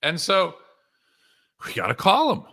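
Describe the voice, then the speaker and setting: Unhurried but bright and forceful, a slightly high male voice swoops wildly in pitch. He's a sales coach and author hosting a live webinar, speaking conversationally to viewers through punchy short phrases and frequent rhetorical questions.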